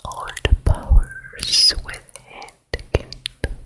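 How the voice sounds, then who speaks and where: Here a female ASMR performer slips into character as a fairytale queen who is vain and bossy, keeping her voice to a slow, careful whisper throughout the roleplay.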